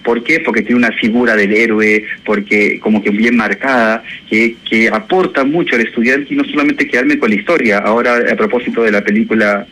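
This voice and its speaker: A Chilean education professor appears as a guest on a radio interview, thoughtful and hesitant, with plenty of fillers. His medium-pitched, slightly bright voice has fairly even intonation, moves a little fast, and barely pauses. The low-quality radio broadcast carries faint noise.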